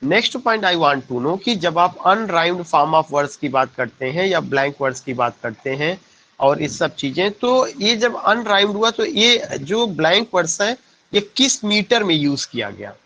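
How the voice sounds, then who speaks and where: A male teacher gives a classroom lecture, his voice sitting high. He takes his time, putting questions to the class and going over each point again. Faint noise runs underneath. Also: big pitch swings, unhurried, pushed and bright, rough recording. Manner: quizzes students, repeats key points, mixes Hindi and English. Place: classroom with students.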